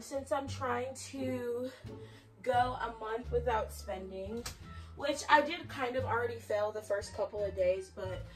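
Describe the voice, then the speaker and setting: A young woman talks through her day at an unhurried pace, her voice a little higher than most. She sounds slightly winded and picked up from some distance, with faint music playing underneath. She rambles casually and leans on fillers. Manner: chatty, filler-heavy, talking while tidying. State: out of breath. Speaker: vlogger. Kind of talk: casual vlog talk.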